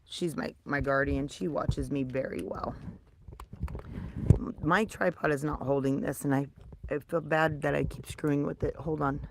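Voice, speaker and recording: A woman chatting casually with her live-stream viewers, swinging from soft mutters to loud, excited, swearing bursts. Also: deep voice, normal speed, vocal fry, background noise.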